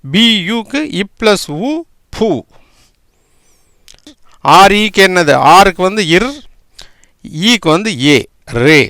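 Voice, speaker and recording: A man's voice: high-pitched, lively intonation, takes it slowly, long pauses, bright, forceful tone, dry recording, clean studio sound. A man teaching English spelling and pronunciation, spelling words out letter by letter and often checking with "right?".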